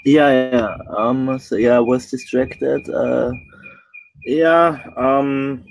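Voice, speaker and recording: Slow, hesitant man on a call. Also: mid-range voice, fairly even intonation, vocal fry, soft background music, rough recording. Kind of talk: casual meeting talk.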